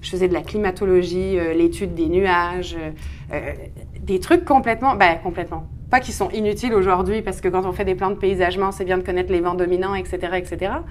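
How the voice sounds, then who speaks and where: This French-accented urban planner in her thirties, from France, speaks fast in a fairly low voice with fairly even intonation. As an interview guest she talks at length and conversationally, poking fun at herself while telling personal stories, over slight background noise.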